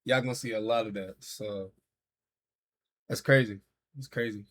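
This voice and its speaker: A man's voice: lowish voice, steady tone, normal speed, a bit bright. A man in his thirties, a streamer, reacting casually and talking to his chat in loose, profane slang. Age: 30s.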